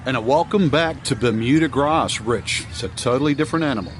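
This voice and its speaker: A man's voice: mid-range voice, a little fast. A man giving informal golf commentary as an analyst, reacting to shots. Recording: loud crowd and outdoor noise.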